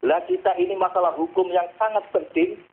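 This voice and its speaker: A man's voice: high-pitched, very animated, fairly quick, vocal fry. A man calling in to a talk show by phone, making an emphatic case with rhetorical questions. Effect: phone-line caller heard through a call-in line. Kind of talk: impassioned call-in commentary. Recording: tinny phone line.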